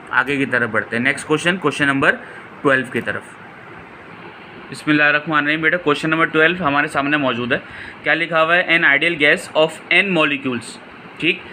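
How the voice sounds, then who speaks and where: Bright-voiced tutor. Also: male voice, on the high side, slight background noise, rough recording. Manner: calls students "beta", asks and answers his own questions. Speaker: physics tutor. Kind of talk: exam solution walkthrough.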